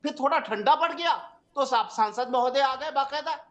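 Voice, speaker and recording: Combative, high-voiced male panelist. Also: moderate pace, fairly bright tone. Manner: combative, accusatory. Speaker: debate panelist. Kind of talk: TV debate argument.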